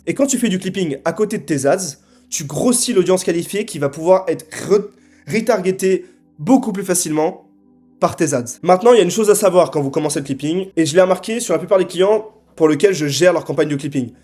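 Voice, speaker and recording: A young man giving a scripted sales pitch to camera, assertive and punchy, often tagging his sentences with quick check-ins. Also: darkish tone, soft background music. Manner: assertive, punchy, frequent tag questions. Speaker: marketing consultant.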